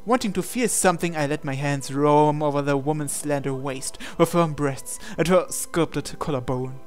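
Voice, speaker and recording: Narrating a visual novel playthrough, this gamer reads at a normal speed in a fairly high voice and keeps breaking off for casual, disbelieving asides. Faint music plays underneath.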